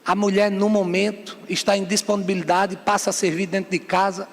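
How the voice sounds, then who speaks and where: A man's voice: sits high, little pitch movement, brisk, vocal fry. A man from Brazil, preaching a fiery sermon as a bishop, firing rhetorical questions and acting out scenes. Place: church hall. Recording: long reverb of a church hall.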